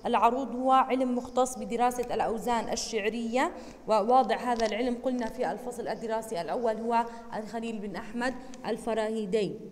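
A woman teacher with a Jordanian accent, giving a recorded lesson and drilling words slowly syllable by syllable. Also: on the high side, a little mellow, long reverb tail. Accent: Jordanian Arabic. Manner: slow, deliberate syllable-by-syllable drilling.

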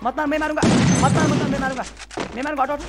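A man streaming a shooter game, giving hushed urgent commands to his squad, with a Hindi accent. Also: extremely high pitch, level tone, very fast, heavy background noise. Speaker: gamer streamer. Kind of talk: live gameplay banter. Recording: loud gunfire game audio behind.

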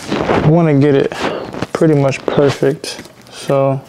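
A man's voice: mid-range voice, little pitch movement, slow pace, background noise. A young man casually talking through a DIY car repair as he works, laid-back and swearing now and then. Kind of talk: casual hands-on narration.

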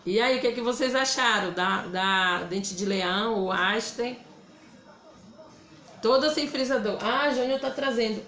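Her voice sits a little high, a touch slow and fairly bright, with slight background noise and an echoey room. She's a Bahia native with a Bahian Brazilian Portuguese accent, hosting a casual live craft session where she chats, names viewers and reads their comments.

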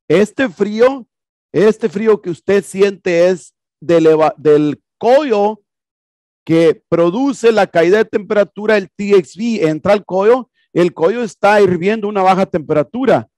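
In a classroom with a projector screen, a male HVAC teacher talks students through a video, keeping it casual and circling back with rhetorical questions. His voice is high-pitched with a darkish tone, recorded dry and clean.

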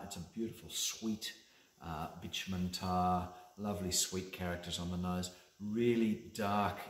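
A middle-aged man, a winemaker, leading a casual wine tasting with an enthusiastic, rambling delivery full of fillers. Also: low-pitched. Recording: echoey room.

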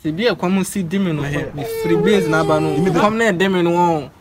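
High-voiced young man with Ghanaian accent. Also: fast talker, crowd noise. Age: 20s. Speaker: street quiz guest. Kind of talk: casual comic street interview in mixed local language and English. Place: outdoors by a roadside wall. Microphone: small handheld mic held between two speakers.

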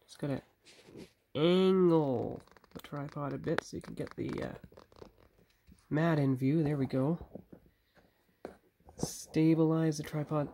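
A man's voice: a little high, fairly even intonation, slow pace, pauses often, mellow, a little hiss or hum. A man casually talking viewers through his model painting, thinking aloud and correcting himself, recorded on a phone camera at a workbench. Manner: chatty, self-correcting, talks to viewers while working. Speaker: model builder and channel host. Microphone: phone camera on a tripod.

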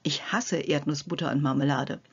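A woman's voice: sits low, fairly even intonation, moderate pace, breathy edge, muffled recording, pitched below the performer's own voice. A woman voicing a complaining male construction worker who grumbles about his lunch. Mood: whiny. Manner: complaining, self-pitying.

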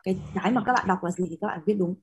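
A woman's voice: mid-range voice, very fast, a little mellow, breathy edge. A young woman teacher, patiently explaining Latin spelling to a class, checking often that students follow. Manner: patient, explains with many fillers and checking questions. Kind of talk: classroom lesson.

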